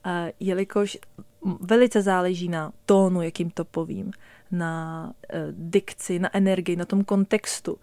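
A woman who works as a voice teacher explains her method in a measured, deliberate way. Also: on the low side, steady tone, darkish tone, dry recording. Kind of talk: explanatory talk.

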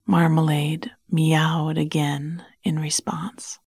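A woman narrating a bedtime story in a soft, hushed, soothing whisper close to the mic. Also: low-pitched, level tone, slow pace, slightly rough, no room sound.

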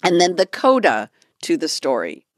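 A woman from California tells a story to her co-host in relaxed, casual chat. She acts out every quote with energy, and her fairly low voice sits close and dry in a quiet studio. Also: normal speed, no echo. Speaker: podcast co-host.

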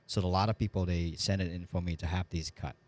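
Vietnamese-accented man in his 40s, engineer guest, halting speech full of fillers, lowish voice. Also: fairly even intonation, a little mellow. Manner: hesitant, many fillers, broken grammar. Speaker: guest, custom gunsmith and engineer. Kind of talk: casual interview.

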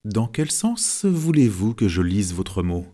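A man voicing a modest, shrewd literature teacher who reads fortunes from written characters, speaking calmly and explaining. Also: lowish voice, slow pace, full character voice. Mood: knowing.

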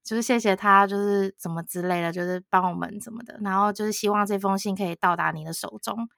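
A woman tells a story on a podcast. She is animated, often laughs, and quotes other people as she goes. Her voice sits mid-range and the recording is dry, with little room sound. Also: mid-range voice, quick pace, creaky, no room sound. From Taiwan. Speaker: podcast co-host. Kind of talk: casual storytelling chat.

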